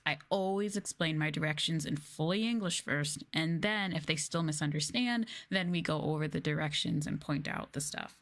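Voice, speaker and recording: A former English teacher livestreams casually, telling stories in slangy, informal language with an exasperated air. Her voice is low-pitched and a bit bright.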